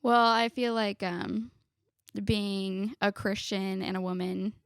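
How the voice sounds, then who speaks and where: A woman's voice: mid-range voice, steady tone, slow, clear, resonant tone, dry recording, studio quality. A woman in her twenties, a guest on a family podcast, chatting casually and laughing often, sometimes backtracking mid-sentence. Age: 20s.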